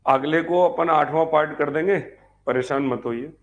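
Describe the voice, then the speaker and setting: His voice fairly high and his speed normal, a man leads a live online class to prepare students for a history exam. He goes back over material, quizzes the group and makes chatty asides.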